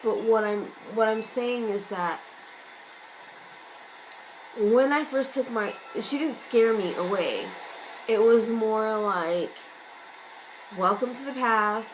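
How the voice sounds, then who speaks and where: A woman vlogger, hoarse and losing her voice, musing in a chatty, meandering, self-mocking way. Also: on the high side, slow pace, long pauses, slight background noise, poor audio. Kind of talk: casual musing vlog. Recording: loud rain and thunder sounds from an app behind the voice. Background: rain and thunder ambience sounds.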